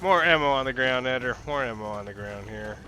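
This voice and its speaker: A man playing a video game as a newcomer, chatting casually and blurting out excited reactions, his voice sounding as if inside a helmet. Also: medium pitch, fairly quick, rough recording. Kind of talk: casual gameplay chat and reactions. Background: game music, gunfire and explosions.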